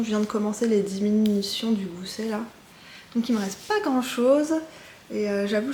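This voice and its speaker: A woman with a slightly high voice chats in an easy show-and-tell way, pausing often on filler sounds as she goes. The room around her is echoey and roomy, with faint ambient noise behind. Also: a little mellow. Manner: chatty, hesitant with frequent fillers. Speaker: knitting vlogger. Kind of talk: casual show-and-tell chat.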